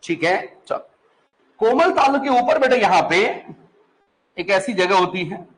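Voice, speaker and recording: A man's voice: sits high, animated, unhurried, a bit bright, slight background noise, rough recording. A man with a Pahari-influenced Hindi accent teaching a class in a classroom, patient and chatty, often repeating his questions back to the students and checking that they follow. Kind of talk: classroom lecture.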